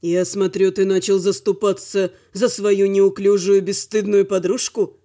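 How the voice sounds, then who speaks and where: A woman's voice: mid-range voice, little pitch movement, unhurried, warm tone, voice pushed down, lightly acted. A woman voicing an arrogant young male dragon in an audiobook, sneering and taunting.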